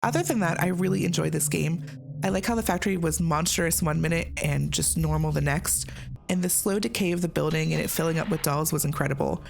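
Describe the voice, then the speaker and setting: A woman's voice: low voice, brisk, gravelly, background noise. A woman hosting a scripted game review, with a conversational, opinionated delivery. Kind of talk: scripted video review narration.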